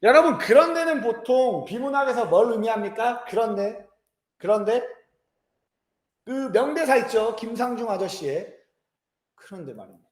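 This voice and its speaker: A man in his thirties teaching a lecture, telling stories lively, joking with students and acting out voices. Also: very high voice, echoey room. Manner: lively storytelling, acts out voices, jokes with students. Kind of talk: animated classroom lecture. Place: classroom.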